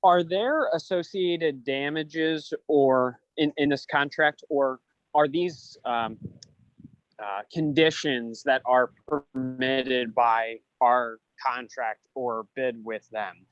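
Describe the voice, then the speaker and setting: A man's voice: mid-range voice, takes it slowly, dry recording, muffled recording. A man on a school board meeting, speaking over a remote conference call that breaks up, hesitant and apologetic. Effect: remote conference call audio that breaks up. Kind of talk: meeting discussion. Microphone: remote call line.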